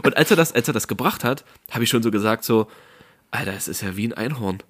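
A man tells a story in relaxed conversation, bouncing his voice up and down and playing the other people in the story. His pitch sits at a middle height. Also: fast. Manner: animated storytelling, acts out phone calls with raised voices. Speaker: storyteller in a casual chat. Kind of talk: casual chat.

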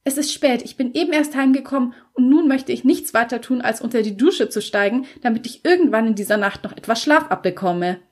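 A tired, sarcastic young tradeswoman, as a woman reading aloud puts her on snaps back in a raised, higher voice. She sounds fed up and quick-tongued, as in a storybook reading. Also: natural voice. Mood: snippy.

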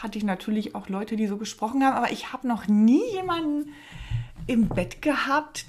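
A woman from near Berlin co-hosting a podcast, chatting casually and playfully over drinks, with frequent giggles and trailing fillers. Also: medium pitch. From near Berlin, Germany. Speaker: podcast co-host.

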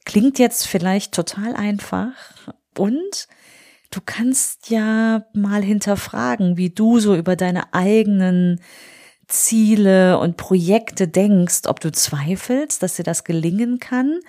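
Slow and mellow at a medium pitch, a woman in her forties talks earnestly and encouragingly to her listener. She has a cold and is hosting a motivational solo podcast from indoors while on holiday.

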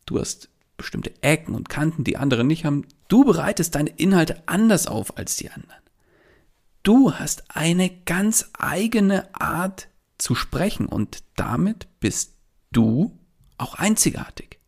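In a sing-song, somewhat high voice with vocal fry and a slightly mellow quality, a man speaks a bit slowly on his solo podcast. He recounts a client's story and coaches his audience head-on, with a conversational style heavy on filler words.

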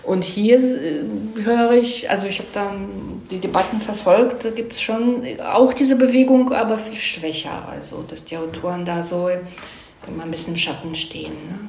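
Interviewed as a screenwriter, a woman explains things casually at a moderate pace in a gravelly, mid-range voice with a darkish tone, often adding "ne?" tags to seek agreement. The room is echoey and there's slight background noise.

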